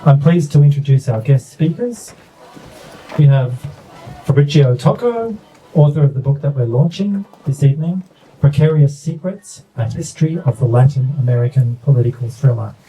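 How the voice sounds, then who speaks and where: A man's voice: fairly high pitch, expressive, moderate pace, dark tone, poor audio. A man who works at a bookstore opening an evening event with a polite, scripted welcome and introductions. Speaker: bookstore staff host.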